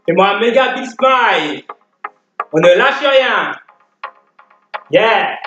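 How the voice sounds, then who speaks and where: A man's voice: high-pitched, animated, slow pace, a bit bright. A man coaching a workout, energetically calling out commands and counts like a gym coach. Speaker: fitness coach. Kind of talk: workout instruction to camera. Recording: roomy echo, dull sound, music behind.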